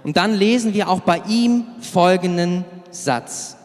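A man's voice: high voice, measured pace. Young man preaching in a hall. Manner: lively storytelling with acted quotes, casual asides; loses his place, searches notes aloud. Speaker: youth preacher. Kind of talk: sermon.

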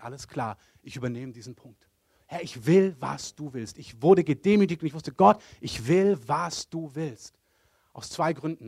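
An earnest male preacher with a fairly high voice. He swings between hushed, low-pitched asides and loud, emphatic bursts. The sound is dry and close to the mic. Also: no echo. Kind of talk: sermon.

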